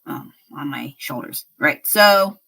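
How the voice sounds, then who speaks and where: Woman streamer, casual and talkative, slightly unwell, bright tone, lowish pitch. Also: expressive, slow pace, gravelly, slightly rough, rough recording. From United States. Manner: chatty, rambling, frank. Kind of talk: casual livestream chat while painting.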